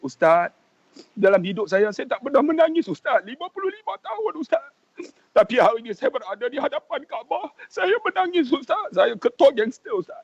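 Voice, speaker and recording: A man's voice: sits high, big pitch swings, fairly quick, slightly rough, no room sound, exaggerated voice. A Malaysian preacher voicing a middle-aged male ex-gangster in his fifties, pleading and choked with emotion. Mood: tearful. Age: 50s. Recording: dull lo-fi, dry sound.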